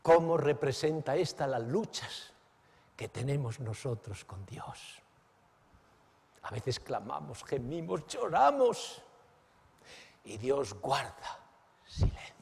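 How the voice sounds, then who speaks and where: Husky-voiced dramatic pastor preaching. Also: male voice, medium pitch, very animated, slow pace, long pauses, big-room sound. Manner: dramatic, swinging from exclamations to hushed asides; asks the listeners direct questions. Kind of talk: sermon.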